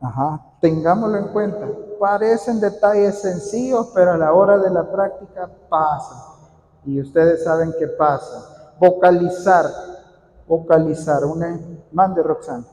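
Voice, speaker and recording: A man's voice: high voice, a little slow, darkish tone. A man leading a training workshop for church readers, talking informally to a group, repeating key points and answering questions from the room. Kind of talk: informal instructional talk to a group. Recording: echoey hall with long reverb.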